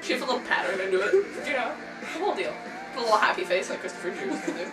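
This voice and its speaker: A woman's voice: medium pitch, animated, very fast. A woman chatting casually on camera with a friend, giggling, teasing and cracking crude jokes, recorded on a webcam at home. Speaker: vlogger. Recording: roomy, distant webcam sound with music behind.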